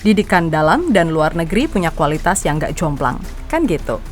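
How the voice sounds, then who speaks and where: A woman's voice: low voice, sing-song, normal speed, music in the background. A woman reading football news as a scripted narration, chatty and opinionated. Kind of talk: scripted narration with casual asides.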